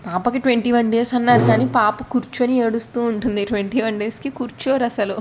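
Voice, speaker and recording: A woman's voice: fairly high pitch, fairly even intonation, fast, background noise. A woman vlogger casually retelling a TV serial episode, chatting through it and adding her own asides.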